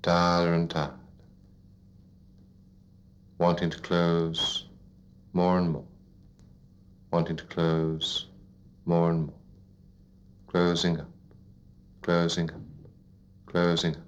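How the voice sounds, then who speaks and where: A man guiding a listener into sleep as a hypnotist, in a soothing, repetitive, deliberate narration with pauses, like a sleep story narrator. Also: low voice, monotone. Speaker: hypnotist leading a relaxation induction. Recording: dull lo-fi recording.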